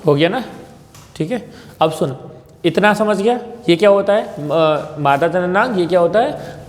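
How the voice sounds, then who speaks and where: A man teaching a class, drilling terms over and over with quick questions and corrections. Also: high voice, expressive, reverberant, big-room sound. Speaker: tutor.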